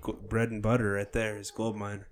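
A man's voice: fairly low pitch, level tone, brisk, a little hiss or hum. A man chatting casually as a co-host, offering offhand, speculative commentary. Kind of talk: casual chat.

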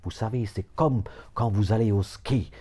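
A man's voice: fairly low pitch, moderate pace, mellow, husky. A man giving a comic mock lecture, rambling, repeating words and stumbling playfully over them.

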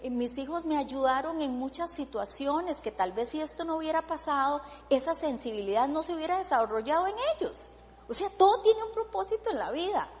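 Earnest high-voiced woman in an echoing hall. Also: expressive, brisk. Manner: earnest, emotional, often tags "¿verdad?". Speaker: church member giving testimony. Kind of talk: personal faith testimony.

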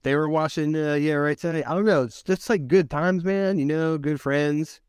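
A man's voice: fairly high pitch, normal speed, a little mellow, clear, resonant tone, dry recording, clean studio sound. A man in a casual podcast chat, easygoing and a bit hesitant, with laid-back slang.

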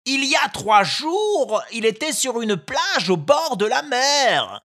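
A woman voicing a big, kindly, talkative pigeon in a storybook reading, with high, chatty calls. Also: sing-song, slow, a bit bright, heavily acted. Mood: friendly.

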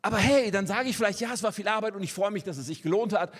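A man's voice: high-pitched, very fast, long reverb tail. A man preaching a sermon in an earnest, conversational way, speaking directly to his listeners.

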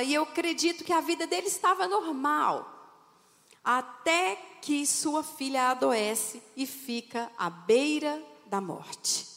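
Brazilian lady pastor preaching slow and high, big echoey church hall. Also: fairly bright tone. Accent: Brazilian Portuguese. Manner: slow, emphatic preaching with call-and-response questions. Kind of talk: sermon. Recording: long hall reverb.

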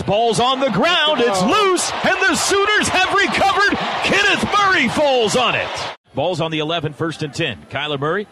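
Over loud background noise, a man calls live American football. His voice sits high and swings widely in pitch. He speaks in short, punchy bursts with an excitable delivery. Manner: clipped, punchy phrases. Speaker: American football play-by-play announcer. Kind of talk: live sports commentary.

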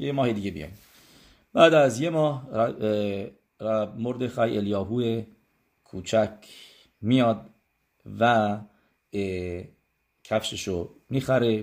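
A man's voice: medium pitch, a little mellow. A man giving a religious lesson and telling a story in a conversational way, with frequent hesitations and rhetorical questions to his listeners. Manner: conversational, many hesitations and rhetorical check-ins. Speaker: religious teacher.

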